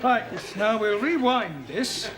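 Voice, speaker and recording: A man's voice: high-pitched, big pitch swings, slow, a crowd in the background, full character voice. An actor playing a patient young male English teacher with a dry, wry way of speaking.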